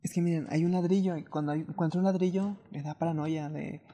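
A man's voice: a little high, fairly even intonation, fast talker, warm tone. A man with a Latin American Spanish accent giving casual, hesitant, self-doubting commentary as he streams a video game.

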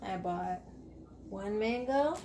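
In an echoey home kitchen with faint room noise, a woman in her forties films a casual grocery haul vlog at arm's length, chatting upbeat to viewers. Her medium-pitched voice is animated and a little mellow, and she takes her time.

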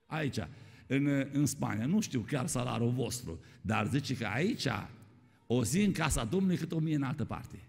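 A man's voice: medium pitch, expressive, vocal fry, a little mellow. A man preaching a sermon in a church hall, often calling his listeners "my dear ones" and putting questions to them. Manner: repeats "my dear ones", asks the congregation questions. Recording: long reverb of a church hall.

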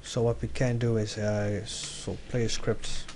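A man's voice: on the low side, flat delivery, takes it slowly, background noise. A young man walking through a game-development tutorial while he works, thinking aloud and correcting himself as he goes. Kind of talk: screen-recorded coding tutorial.

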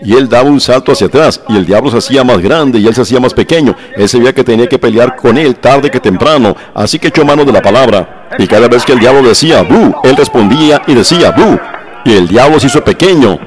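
A man voicing a translated sermon, fervent, exclaiming praise and speaking straight to his listeners, slowing down for emphatic phrases. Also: mid-range voice. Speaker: preacher.

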